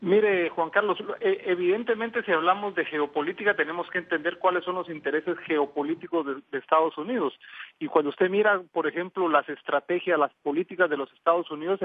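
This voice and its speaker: A man answering as a security expert in a news interview, measured and hesitant with fillers. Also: fairly high pitch, dry recording. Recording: tinny phone line, dry.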